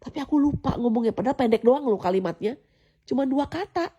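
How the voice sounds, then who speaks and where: A woman recounts a dream to her viewers in a loose, rambling way, circling back over the same phrases with fillers and restarts. Her voice is fairly high yet mellow and dark, with a gravelly, husky texture. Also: animated, quick pace, highs cut off. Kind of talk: casual spoken testimony addressed to viewers.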